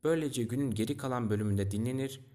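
A man's voice: medium pitch, fast talker, warm tone, lightly acted. A man reading aloud, voicing a tired, resigned male lamplighter from a storybook who only wants to sleep. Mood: weary. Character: weary, sleepy male lamplighter bound to duty.

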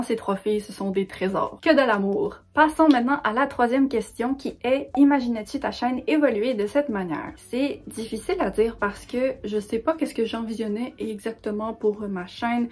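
Husky-voiced Québécoise book vlogger. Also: female voice, on the high side, a little mellow. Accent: Québécois French. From Quebec. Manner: chatty and enthusiastic. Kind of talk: casual vlog talk to camera.

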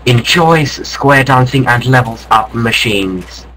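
A man narrates in the hushed, mock-serious manner of a wildlife documentary, deadpan and unhurried. His pitch sits in an ordinary middle range, and he breaks into startled exclamations now and then. Faint background noise runs beneath his voice. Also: low-quality recording. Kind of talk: mock nature-documentary narration over gameplay.

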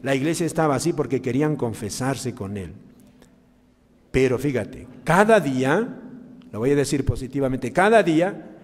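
A man preaching a sermon as a priest, asking the congregation many questions, with big swings in loudness and pitch. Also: animated, moderate pace, long reverb tail. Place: church during mass.

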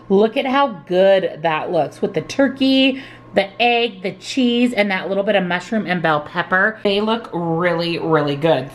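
A woman narrating her weekly meal prep in an upbeat, chatty voice-over, explaining each step as she cooks. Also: medium pitch. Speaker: meal prep vlogger and nutrition coach. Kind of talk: casual cooking voice-over.

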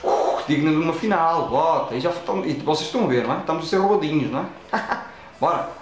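Excitable Portuguese man, echoey room. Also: a little high, fast talker. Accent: European Portuguese. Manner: excitable, talks at the game and the referee, frequent exclamations. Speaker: gaming channel host. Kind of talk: playing a football video game and commentating.

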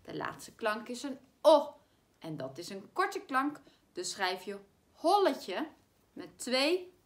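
A woman teacher with a Dutch accent giving a spelling lesson to primary pupils, saying words slowly and clearly so they can be spelled. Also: sits high, pushed and bright. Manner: slow, clear, stretches words to spell them out.

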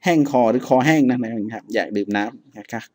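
A man teaching a reading lesson, reading items aloud one by one and then explaining each in a patient, relaxed way, with frequent polite particles. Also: medium pitch, fast. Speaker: language teacher.

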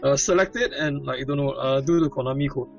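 A man's voice: mid-range voice, fast, gravelly. A man chatting casually as a companion to someone playing a game. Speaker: gaming companion. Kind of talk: casual chat. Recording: muffled lo-fi call with music.

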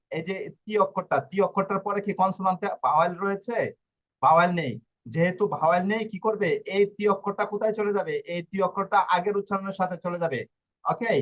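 Patient male Bengali-speaking language teacher. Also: high voice. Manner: patient, repeats points and checks in with "okay?". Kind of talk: live online class in Bengali. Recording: dull lo-fi audio.

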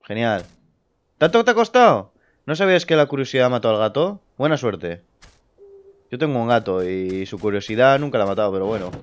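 Excitable, cursing gamer guy. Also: on the low side, fairly quick. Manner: excitable, swears, laughs at scares. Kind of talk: let's play commentary.

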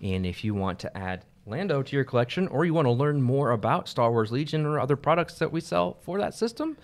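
Easygoing man with lively pitch. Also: fairly quick. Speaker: co-host. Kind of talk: casual chat about bestselling games.

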